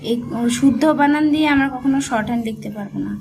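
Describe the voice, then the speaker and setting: A woman teaching a shorthand lesson, spelling each word slowly letter by letter as she writes. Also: sits high, vocal fry, a little mellow, slight background noise. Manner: slow, spells words letter by letter. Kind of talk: step-by-step dictation lesson.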